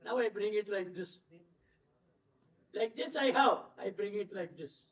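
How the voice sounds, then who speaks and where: An older speaker with an Indian English accent, a former teacher giving a classroom-style talk full of number puzzles, who repeats points and keeps asking if things are clear. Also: mid-range voice, a little slow. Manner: repetitive, drilling, asks "clear?" often. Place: large hotel event hall. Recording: echoey hall, distant dull mic.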